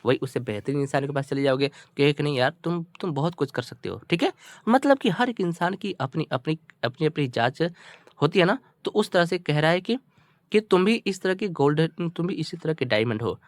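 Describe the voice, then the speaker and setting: This Indian-accented English teacher is animated and brisk, his slightly high voice recorded dry. He walks through a story bilingually, line by line, breaking it down phrase by phrase with repetition and questions to check understanding.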